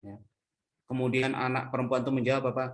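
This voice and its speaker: A man's voice: medium pitch, level tone, fast talker. A man teaching an Islamic parenting lecture in a conversational storytelling manner, asking rhetorical questions as he goes. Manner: conversational, mixing casual slang. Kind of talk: religious study lecture.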